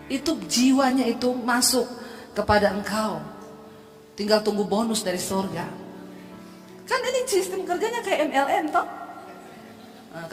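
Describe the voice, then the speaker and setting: A woman pastor preaching a sermon, animated, swinging between loud exhortation and soft storytelling. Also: high-pitched. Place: large church hall. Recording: echoey church hall from far off.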